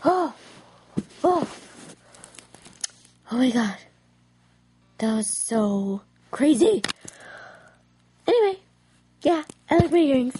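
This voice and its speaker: A woman chatting playfully as she dresses up toys, now and then dropping into soft whispered asides. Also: high-pitched, expressive, takes it slowly, long pauses, a little hiss or hum. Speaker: toy dress-up vlogger. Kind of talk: casual playful chat.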